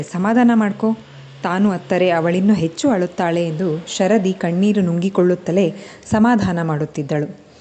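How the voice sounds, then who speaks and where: A woman reads a family love story aloud, shifting her voice to act out the characters. Her voice sits fairly low, with a mellow, dark tone and an unhurried storyteller's delivery. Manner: expressive, acts out each character. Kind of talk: scripted story narration.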